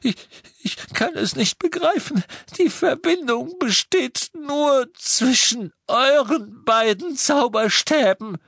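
A man's voice: extremely high pitch, expressive, slow, gravelly, a bit bright, pitched above the performer's own voice, heavily acted. A man voicing a frail, terrified old male wandmaker in an audiobook, begging and sobbing. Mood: pleading.

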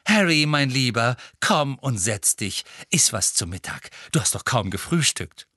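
Male reader doing a bossy, motherly woman, shrill, bright, dry close sound. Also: big pitch swings, a little slow, breathy edge, no room sound, full character voice. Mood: fussing. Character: bustling motherly woman, scolding and fussing.

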